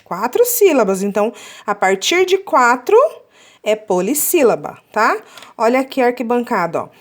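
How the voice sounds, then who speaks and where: A woman teaching a children's lesson, drawing words out syllable by syllable and often checking in with her class. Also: high voice. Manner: slow, drawn-out syllable counting.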